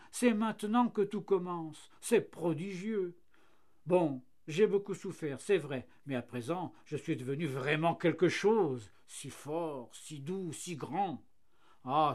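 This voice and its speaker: Storybook flax and paper figure, cheerful, self-satisfied, marvelling exclamations, somewhat high, man reading. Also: slow, darkish tone. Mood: delighted. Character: cheerful flax turned linen and paper, male.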